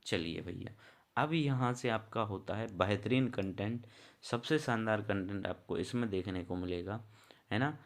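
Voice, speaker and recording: A man with a fairly low voice coaches students through exam questions online. He reads each question aloud, then walks through the answer, calling his viewers brother and friend. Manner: casual, chatty, calls viewers brother and friend. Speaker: exam prep teacher.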